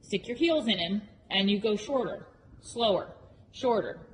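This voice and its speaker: A woman riding instructor coaching a live lesson with brisk, projected commands, short and repeated, blunt and exacting in her corrections. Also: medium pitch, lively intonation. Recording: reverberant hall with clear background noise.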